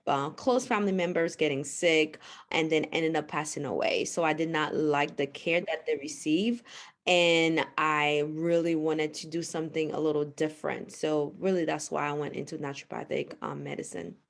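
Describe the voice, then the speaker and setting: Woman doctor being interviewed, lowish voice, earnest and explaining things. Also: steady tone, normal speed. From Haiti. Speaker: guest naturopathic physician. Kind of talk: podcast interview.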